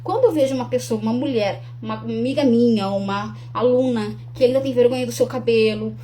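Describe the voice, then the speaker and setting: A woman's voice: on the high side, brisk, dark tone, a little hiss or hum. A young adult woman, talking earnestly to camera with frequent restarts and tag questions. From Rio Grande do Sul, Brazil. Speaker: speaker promoting her talk. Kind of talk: casual to-camera talk.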